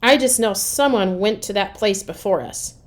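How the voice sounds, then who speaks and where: A woman's voice: medium pitch, normal speed, close to an everyday voice. Storybook boy, read by a woman: young, earnest, cautious, questioning. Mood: puzzled.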